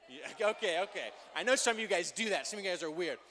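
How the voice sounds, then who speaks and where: A man preaching a youth group sermon as youth pastor, playful and energetic, joking with the teens before turning earnest. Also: high voice, quick pace. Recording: long hall reverb.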